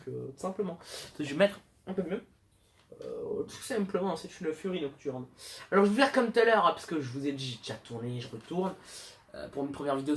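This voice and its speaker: Young male vlogger, slightly high voice, hesitant and rambling, self-deprecating humor, casual home-video feel. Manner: rambling, hesitant, many fillers and self-mocking asides. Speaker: YouTuber showing collectible figures. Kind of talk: casual unboxing vlog.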